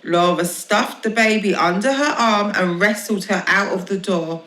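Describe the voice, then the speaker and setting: A woman reading a children's story aloud in a gentle, expressive way. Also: medium pitch, measured pace, a little hiss or hum. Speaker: storybook reader. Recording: echoey room.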